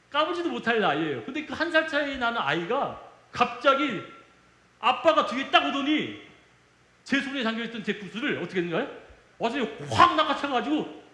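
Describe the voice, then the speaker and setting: Animated male pastor preaching. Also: very high voice, reverberant. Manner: animated storytelling with questions to the congregation. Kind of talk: sermon. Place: church sanctuary.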